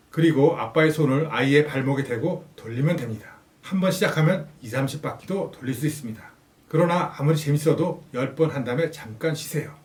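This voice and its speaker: Guy reading play instructions calmly, sounds far off in an echoey room. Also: a little high. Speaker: host explaining children's play. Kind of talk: scripted instructional narration. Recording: roomy, distant voice-over with faint music.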